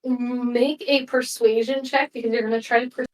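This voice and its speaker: A woman narrating as game master of a tabletop game in a relaxed way, with fillers. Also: a little high, normal speed, distant mic, poor audio.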